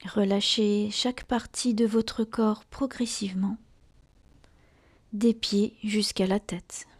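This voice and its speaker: Using short phrases and long pauses, a woman guides a relaxation meditation as a yoga nidra instructor. Her mid-range voice is a soft, breathy near-whisper, calm and soothing.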